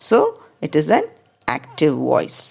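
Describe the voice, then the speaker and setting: Woman, Malayali English accent, grammar lesson, patient, slow and measured, lowish voice. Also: huge pitch swings, gravelly, a little mellow, slightly rough. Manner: patient, mixes Malayalam and English, reads sentences aloud slowly. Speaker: English teacher. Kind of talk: explaining grammar exercises to pupils.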